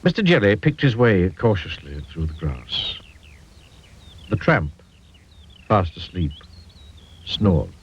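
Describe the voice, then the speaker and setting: A man reading a children's storybook aloud in an expressive, playful way. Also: low voice, slow, long pauses, a little hiss or hum. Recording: dull lo-fi audio.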